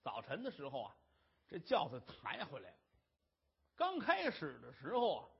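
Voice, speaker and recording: Brief: traditional storyteller, husky, animated, lo-fi. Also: medium pitch, normal speed. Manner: animated, dramatic. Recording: dull lo-fi recording.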